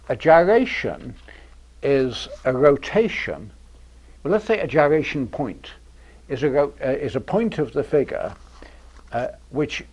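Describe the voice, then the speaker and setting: A man giving an informal university math lecture, pausing often with ums and uhs and adding dry humor. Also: mid-range voice, darkish tone, dull audio. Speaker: mathematics professor lecturing. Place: lecture room with audience.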